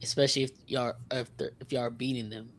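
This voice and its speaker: A man co-hosting a sports podcast, reacting to a live game with excitable, profane commentary. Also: mid-range voice, fast talker. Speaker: podcast co-host.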